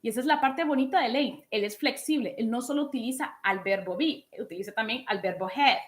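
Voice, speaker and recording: A woman in her thirties giving a casual online English lesson in a lively, chatty way, often asking her listeners questions. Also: a little high, brisk. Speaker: English teacher.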